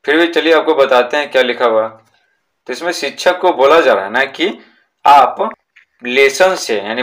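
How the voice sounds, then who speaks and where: A man's voice: on the high side, a bit bright. A young man teaching a school English lesson, explaining each point patiently and checking in with his listeners as he goes. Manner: reads English lines slowly, then explains; repeats points with "ठीक है ना".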